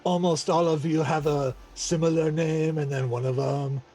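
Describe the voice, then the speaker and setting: A man voicing a halting, rambling male adventurer in a tabletop game. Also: a little high, fairly even intonation, warm tone, natural voice.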